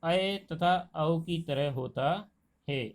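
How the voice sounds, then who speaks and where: A man teaching a Hindi grammar lesson, explaining pronunciation slowly and deliberately and drawing out each example word. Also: on the high side. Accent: Rajasthani Hindi. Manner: slow, deliberate explanation, stretching out example words. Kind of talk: classroom lesson.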